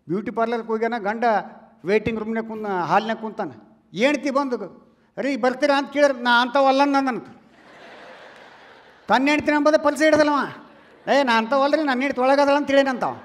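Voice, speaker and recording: A man with a North Karnataka Kannada accent doing stand-up comedy on stage, chatting loudly with the crowd and calling them relatives. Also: sits high. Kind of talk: stand-up comedy before a live audience. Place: stage in a large hall. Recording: long hall reverb.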